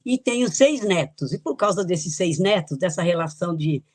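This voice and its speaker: A woman's voice: lowish voice, animated, moderate pace, a little mellow. An older woman from Italy speaks as a guest author in a podcast interview. She recounts her life in a chatty, reminiscing way, with light laughs between thoughts. The sound is dry and close, with no room echo. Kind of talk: podcast interview, personal storytelling.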